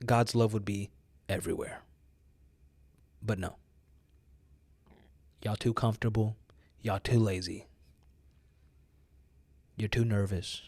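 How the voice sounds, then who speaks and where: In this informal motivational sermon, an American man exhorts his audience emphatically, repeating lines for impact and dropping young, casual slang. He speaks slowly in a lowish, steady, slightly mellow voice with long pauses, and there's no echo.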